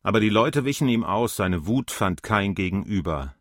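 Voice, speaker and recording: A man narrating a literary short story in a calm, measured reading. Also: lowish voice, no room sound, studio quality.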